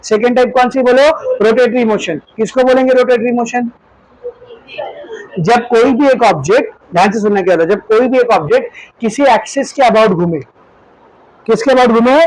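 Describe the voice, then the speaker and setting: A man's voice: very high voice, a little mellow, dry recording, low-quality recording. A male physics teacher with an Indian accent, lecturing a class and asking questions he answers himself, demonstrating with objects as he explains. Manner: asks the class questions and answers them himself, calls students "beta".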